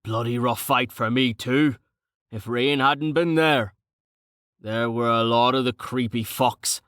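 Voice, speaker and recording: A man voicing a brash, burly male warrior who jokes crudely and swears with rough slang, in an audiobook. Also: mid-range voice, takes it slowly, fairly bright tone, no echo, studio quality. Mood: boisterous.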